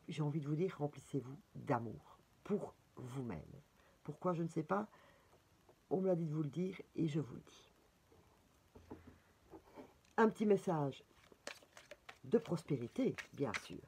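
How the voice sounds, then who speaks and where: A woman's voice: deep voice, dark tone, slightly rough. A woman with a Belgian French accent giving a casual oracle card reading for viewers, chatting and correcting herself as she goes. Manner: chatty, self-correcting, thinking aloud. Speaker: tarot and oracle card reader.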